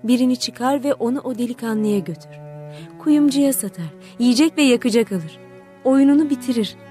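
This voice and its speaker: A woman voicing a gentle, selfless male prince statue in an audiobook, speaking softly and imploringly. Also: a little high, normal speed, faint music behind, lightly acted. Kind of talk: audiobook character voice.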